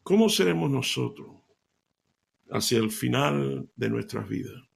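A man giving a devotional talk, telling stories in an animated way and laughing as he goes. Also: mid-range voice, a little slow, vocal fry. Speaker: lay preacher.

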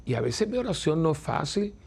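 A man's voice: a little high, big pitch swings, fairly quick, gravelly, darkish tone, breathy edge. An older man, a priest giving an informal spiritual talk in a conversational, chuckling way that often stops and restarts. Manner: conversational, self-interrupting, chuckling.

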